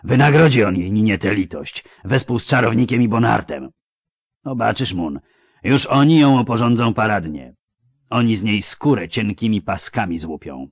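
A man's voice: on the low side, lively intonation, normal speed, no echo, clean studio sound. A sneering, superstitious mercenary, acted by a male reader, talks in a raised, scornful tone. His speech is old-fashioned and rustic. He relishes grim predictions. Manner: sneering, archaic turns of speech.

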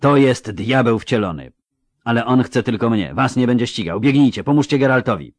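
A man voicing a defiant, sharp-tongued young woman swordfighter in an audiobook. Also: low voice, big pitch swings, a little slow, slightly rough, no room sound, full character voice. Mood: urgent. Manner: grumbling, defiant.

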